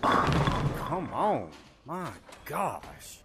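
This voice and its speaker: A man's voice: a little high, huge pitch swings, extremely slow, very noisy. A man playing a bowling game in VR, grumbling and mocking his own throws in casual commentary. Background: loud game music.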